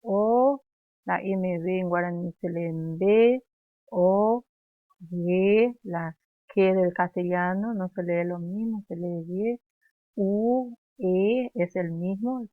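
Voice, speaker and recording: A woman's voice: fairly low pitch, slow pace, no room sound. A woman teacher giving a first-grade language lesson, patiently modeling words for pupils to repeat. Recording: thin phone-like sound.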